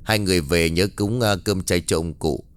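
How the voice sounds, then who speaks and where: A man's voice: deep voice, normal speed, smooth, no echo, close to an everyday voice. A man voicing a blunt, wry older female village shaman who talks brusquely and commandingly.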